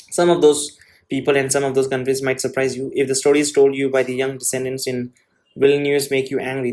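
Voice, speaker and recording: A man reads an essay aloud for his show and keeps stopping to comment on it. His delivery is halting, with restarts and a steady stream of "you know" fillers. His pitch stays level and narrow, and his voice sits at an ordinary middle height. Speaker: host.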